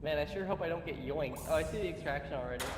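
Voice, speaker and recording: A man with a voice pitched a little high trades crude jokes with friends over a game. He gets loud when things go wrong. Steady noise is clearly audible behind him. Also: racing. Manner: joking, crude humor, shouts when excited. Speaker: streamer guest. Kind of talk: casual gaming chat.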